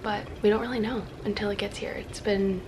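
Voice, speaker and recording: A woman's voice: mid-range voice, little pitch movement, brisk, background noise. A woman chatting casually to camera in a hesitant, rambling way with lots of filler. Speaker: vlogger.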